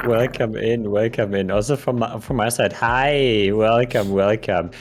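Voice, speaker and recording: A man's voice: on the low side, steady tone, measured pace. A man in casual livestream chat, playful and cutesy, with affectionate exclamations. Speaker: guest co-streamer.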